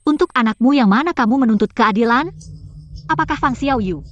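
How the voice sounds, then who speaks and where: An actress voicing a young heroine in a dubbed short drama, by turns pleading and defiant. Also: female voice, fairly high pitch, lively intonation, moderate pace, no room sound, dull audio, soft background music, natural voice. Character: defiant young heroine, desperate to protect her grandma.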